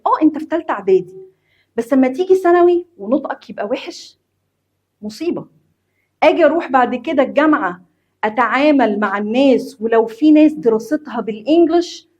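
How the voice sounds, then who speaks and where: A woman's voice: sits high, darkish tone, highs cut off. A woman with an Egyptian Arabic accent explaining an English grammar lesson to students. She talks straight to them, repeats key points with emphasis and mixes English terms into her explanation. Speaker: English teacher.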